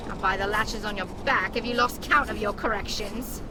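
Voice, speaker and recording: A woman's voice: mid-range voice, fairly even intonation, moderate pace, background noise, close to an everyday voice. A woman playing a cruel, scolding overseer who berates like a wicked stepmother, in a dramatic performance. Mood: scornful scolding. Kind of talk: dramatic character acting.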